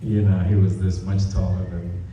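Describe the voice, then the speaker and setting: Low, dark-voiced father in an echoey hall. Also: flat delivery, normal speed, slight background noise. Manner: informal, rambling, many "uh"s. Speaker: parent speaking at a memorial. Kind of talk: personal storytelling at a memorial. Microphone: distant room mic. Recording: muffled, echoey hall from far off.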